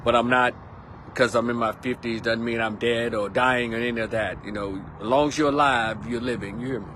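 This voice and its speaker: A man's voice: medium pitch, fairly even intonation, fairly quick, a bit bright. Texan man, 50s, vlog host, easygoing rambling chat, outdoors with a light hiss of wind and traffic. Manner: chatty and rambling, laid-back slang. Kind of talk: casual monologue. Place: outdoors on a windy day.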